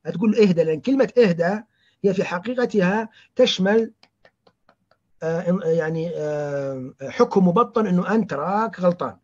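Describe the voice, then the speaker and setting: A man's voice: sits high, fairly quick, darkish tone, slightly rough. A man giving an interactive lecture on counseling patients, quizzing students by name and acting out example dialogues. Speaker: trainer teaching patient counseling. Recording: muffled lo-fi recording.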